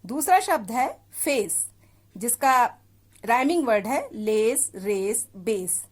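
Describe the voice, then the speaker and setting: A woman's voice: on the high side, expressive. A woman teacher with an Indian English accent, patiently explaining an English poem and its words in a classroom lesson. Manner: slow, patient explaining, switching between Hindi and English.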